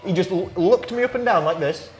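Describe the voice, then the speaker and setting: A man's voice: high-pitched, brisk, soft background music, low-quality recording. A man hosting a casual podcast, telling stories with frequent laughs. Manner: chatty storyteller, laughs often. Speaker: podcast host.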